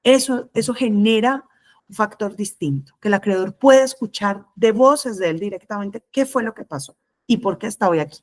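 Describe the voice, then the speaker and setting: A middle-aged woman, teaching a lecture to trainee conciliators in a measured, explanatory way, listing points one by one. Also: mid-range voice.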